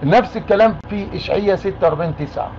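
A high-voiced Egyptian man talks fast and pushes hard, repeating his demands over and over. The call sounds muffled and lo-fi, with a faint hiss behind it. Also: a little mellow. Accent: Egyptian Arabic. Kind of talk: argumentative phone call.

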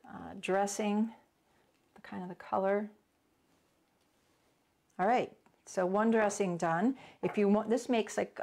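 The instructor, a middle-aged woman, has a mid-range voice with a darkish tone. She gives a casual kitchen class at home, chatting and thinking aloud while working, filmed by a camera a few steps off.

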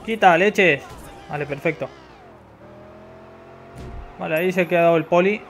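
A young man with a Spain Spanish accent giving excitable, casual gameplay commentary with loud exclamations and frequent swearing, sounding slightly congested. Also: sits high, moderate pace, faint music behind. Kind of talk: casual let's-play commentary.

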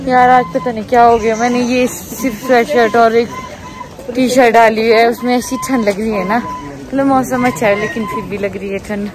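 A young woman vlogs on a phone camera as she walks through a busy outdoor street. She talks loudly and chattily straight to the viewers. The chatter of a crowd fills the background. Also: a little high. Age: young adult. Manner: loud, chatty, talking to camera while walking. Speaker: vlogger. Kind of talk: casual vlog chat. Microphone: handheld phone camera, no mic.

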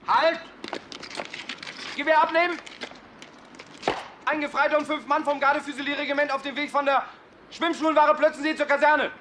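Young male Prussian corporal, German drill-sergeant bark, very high shouted pitch, noisy old film sound. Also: fairly even intonation, normal speed, pauses often. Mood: brisk, barking. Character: young Prussian army corporal barking drill commands, obedient. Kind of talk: period military film acting. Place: outdoors on a street, film microphone.

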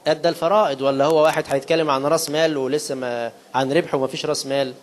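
Egyptian preacher guy giving a sermon, talks really quick, slows down for the verses. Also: fairly high pitch, steady tone. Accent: Egyptian Arabic. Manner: fast colloquial preaching, slowing to recite quoted scripture; asks the listeners rhetorical questions and answers them himself.

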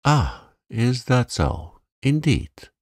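Man putting on a suave storybook gentleman fox. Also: mid-range voice, very animated, very slow, no room sound, studio quality, exaggerated voice. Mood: courteous, curious. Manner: civil, smoothly polite. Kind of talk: storybook character voice in a sleep story.

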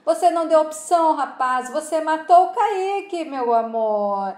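A scheming male villain who taunts coolly, full of sneering endearments, as a woman narrator reads his lines. The voice sits rather high and carries a roomy echo. It is a recap read aloud, not a full performance. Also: lively intonation, measured pace, darkish tone. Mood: taunting. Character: scheming smooth-talking male villain, cruel and mocking.

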